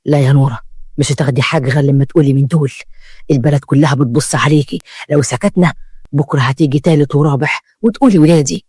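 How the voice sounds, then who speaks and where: A mistrusting old Egyptian shopkeeper, gruff and prying, read by a storyteller. Quick speech, dry close sound. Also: mid-range voice, darkish tone, no echo, natural voice. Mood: suspicious. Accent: Egyptian Arabic. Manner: suspicious and mistrusting. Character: suspicious old male grocer, gruff.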